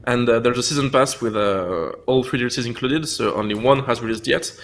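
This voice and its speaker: A man's voice: medium pitch, brisk. A man chatting on a livestream as a game developer, explaining in a conversational way. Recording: faint background noise, game sound behind.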